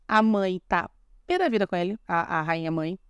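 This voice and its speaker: A young Brazilian woman retells a fairy tale in a loose, chatty way, breaking off for sarcastic asides and restarting her sentences. Her voice is smooth and clear. It sounds dry and close on a podcast mic. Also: on the low side, normal speed, dry recording, lo-fi sound. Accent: Brazilian Portuguese. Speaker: podcast host. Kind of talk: casual storytelling with commentary.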